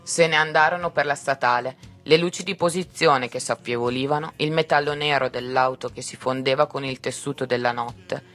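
A man reading a story aloud in a measured, unhurried way. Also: mid-range voice, steady tone, bright, forceful tone, soft background music.

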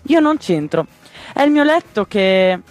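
A man voicing a lively, proud young girl in a storybook reading, excitable and quick to take offence, over soft music. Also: high voice, pitched above the performer's own voice. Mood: defensive. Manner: indignant, excitable.

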